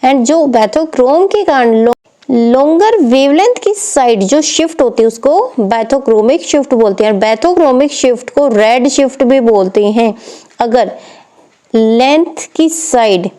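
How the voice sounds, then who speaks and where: High-voiced woman tutoring chemistry. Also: animated, slow pace, warm tone. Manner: explains step by step, asks and answers own questions. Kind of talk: exam paper walkthrough lesson.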